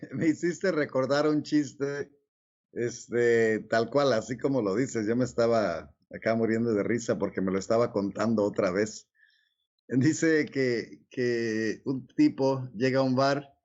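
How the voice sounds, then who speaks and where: Man, radio panelist, joke telling, slow pace, self-deprecating. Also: mid-range voice, darkish tone, highs cut off. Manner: laughs at his own telling, downplays his joke skills.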